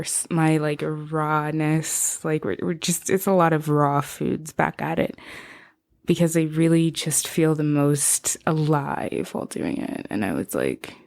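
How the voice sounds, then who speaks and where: A woman's voice: lowish voice, darkish tone, no room sound. A woman in her late twenties from Zimbabwe with an American accent, hosting a casual solo podcast in a rambling, chatty, giggly way full of "like"s. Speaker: podcast host.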